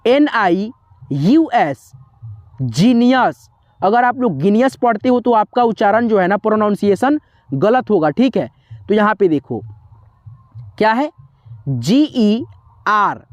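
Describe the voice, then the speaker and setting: A woman teaching a lesson, spelling words out slowly letter by letter and quizzing the listener. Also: medium pitch, darkish tone, no echo, highs cut off. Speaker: English teacher. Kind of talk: classroom-style spelling lesson.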